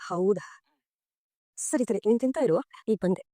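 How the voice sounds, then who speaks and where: Woman doing a soft-spoken middle-aged mum, warm and sorrowful, dry close sound. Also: medium pitch, a little slow, dry recording, close to an everyday voice. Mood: gentle. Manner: soft, pleading, tearful at times. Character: sorrowful middle-aged mother, guarded and tender. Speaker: mother in a TV serial. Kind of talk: TV serial acting.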